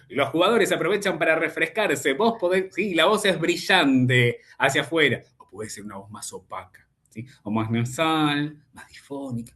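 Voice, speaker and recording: A man's voice: mid-range voice, fairly bright tone. A man teaching a speech therapy class over a video call, explaining at length and often checking in with his students.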